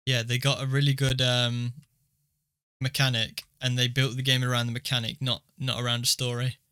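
A man's voice: mid-range voice, little pitch movement, normal speed, sharp tone, clear, resonant tone. A man co-hosting a podcast in casual chat, joking around and laughing easily. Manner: chatty, laughs easily, riffs on jokes. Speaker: podcast co-host.

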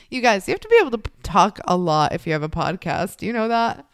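An American woman with vocal fry, chatting casually and jokily as a podcast co-host, animated and sweary. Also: mid-range voice, fairly quick, dry recording, studio quality. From United States, Chicago area. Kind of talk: casual, joking true-crime podcast chat.

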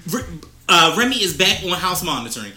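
A man's voice: high voice, big pitch swings, a little fast, sharp tone, roomy sound. A young man, co-hosting a casual, profane celebrity gossip chat and reading news items aloud with commentary. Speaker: podcast co-host.

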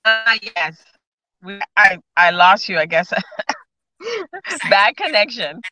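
A clinic guest speaking from inside a car over a video call that keeps freezing and breaking up, giving brief, halting replies. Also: mid-range voice, very animated, pushed and bright. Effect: choppy video call audio that freezes and breaks up. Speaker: guest from a kidney care clinic. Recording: dull, lo-fi video call sound.

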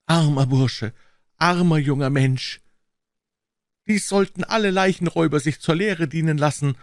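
A man voicing an agitated townsman in a crowd who talks in an excited, indignant, raised voice. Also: on the high side, unhurried, no echo, studio quality, pitched above the performer's own voice.

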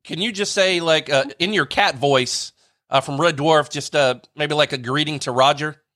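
A man hosting a podcast interview. He keeps agreeing with his guest in short, quick replies. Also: fairly high pitch, sharp tone. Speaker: podcast host. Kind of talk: casual interview chat.

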